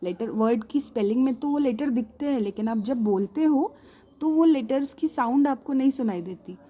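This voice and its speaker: A woman with an Indian English accent teaching a children's English lesson, patiently asking and answering her own questions and repeating words slowly. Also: high voice, dark tone. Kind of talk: explaining a primary English lesson.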